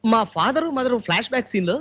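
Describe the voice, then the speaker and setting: A fast-talking scheming con man. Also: extremely high pitch, expressive, a bit bright, full character voice. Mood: smooth-talking. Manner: fast, wheedling excuse-making. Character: scheming male con man dodging lenders. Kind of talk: Telugu film comedy scene.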